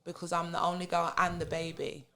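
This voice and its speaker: A woman's voice: fairly low pitch, a little fast. Frank, laughing London woman in her thirties. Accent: London English. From England. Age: 30s. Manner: frank, animated, laughs often, swears freely. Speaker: podcast guest. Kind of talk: casual chat.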